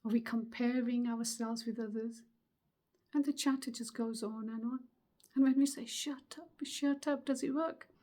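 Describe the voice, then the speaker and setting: A middle-aged woman giving a motivational webinar talk, earnest and emphatic, with many pauses. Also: a little high, flat delivery, warm tone. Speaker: speaker.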